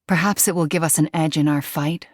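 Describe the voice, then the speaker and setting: An actress voicing an earnest, introspective young witch hero in a video game, with a soft, breathy, husky voice and measured delivery. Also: sits low, fairly even intonation, no echo, clean studio sound. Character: earnest young adult woman witch hero, guilt-ridden yet determined. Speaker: voice actor. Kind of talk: video game character voice lines.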